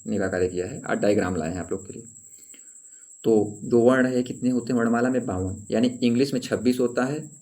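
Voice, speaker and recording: A man teaches an exam-prep grammar lesson in a low, warm, mellow voice. He asks his class questions and answers them himself. He repeats the key points so they stick. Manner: draws out sounds when demonstrating vowels.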